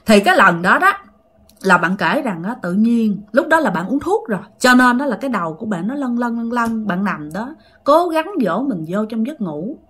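Lively-voiced woman storyteller. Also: fairly high pitch. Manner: chatty, addresses listeners directly. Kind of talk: casual ghost story narration.

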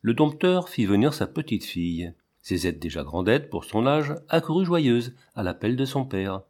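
Male audiobook narrator, mid-pitched, measured and steady.

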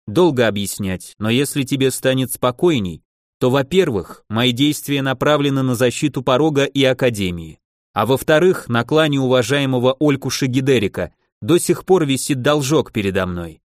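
A man's voice: medium pitch, lively intonation, moderate pace, no echo, studio quality, natural voice. A man voicing a cool, calculating male mage who speaks in a level, composed way.

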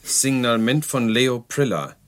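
An actor voicing a stiff, dutiful police sergeant in an old radio play, formal and literal-minded. His voice sits at a mid-range male pitch. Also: lively intonation, measured pace, a little hiss or hum, lightly acted. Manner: formal, dutiful, reads reports crisply. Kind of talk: 1970s radio drama acting.

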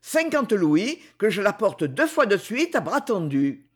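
A reader voicing a drunk, boastful strongman who loudly challenges the room in a storybook reading. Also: mid-range voice, very animated, a little slow, breathy edge. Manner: boisterous, challenging.

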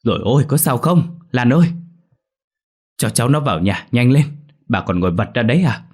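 A man voicing an older village neighbor woman who exclaims and gossips loudly. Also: lowish voice, lively intonation, quick pace. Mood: loud gossipy. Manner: loud, exclaiming, chattering.

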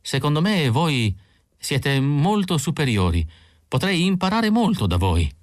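A man voicing a timid, excitable male outcast who stammers and chatters eagerly in a raised voice. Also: a little high, a little slow, no echo, clean studio sound, voice pushed up.

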